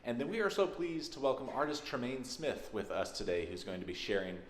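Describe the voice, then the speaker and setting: A minister with a Texas accent greets a congregation in a chatty, folksy manner during a church service. He speaks fairly quickly at a medium pitch. The sound carries the echo of a large sanctuary, with background noise.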